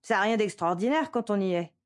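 A woman's voice: medium pitch, animated, a little fast, pitched above the performer's own voice, lightly acted. A woman voicing a slightly drunk man who grumbles wisely. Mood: grumbling. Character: tipsy man, grumbling philosopher.

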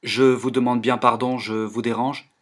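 A man's voice: mid-range voice, steady tone, slow pace, fairly bright tone. Guy reading a shy flustered young man, stutters and apologizes, audiobook. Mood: timid stammering. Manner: hesitant, stammering, apologetic. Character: timid embarrassed young man, stammering.

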